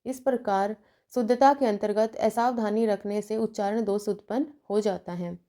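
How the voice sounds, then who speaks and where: A woman's voice: mid-range voice, fairly even intonation, moderate pace, dark tone. A woman giving a teacher-training lecture, working through numbered points with examples and checking in between them. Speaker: teacher educator.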